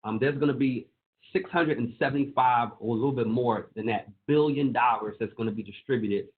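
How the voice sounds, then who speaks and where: A man's voice: medium pitch, a little fast. A man who is a pastor and state legislator, giving an earnest presentation to pastors on a conference call and repeating phrases for emphasis. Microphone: phone or call line. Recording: tinny phone-line call audio.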